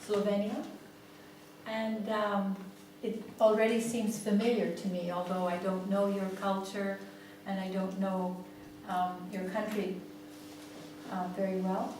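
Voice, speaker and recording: Recorded far from the microphone in a very echoey, noisy seminar room, a woman in her sixties from Greece runs a family therapy seminar. Greek is her native language and her accent shows; she says "um" often and asks "yeah?" to check in. Her voice is medium-pitched, flat and unhurried.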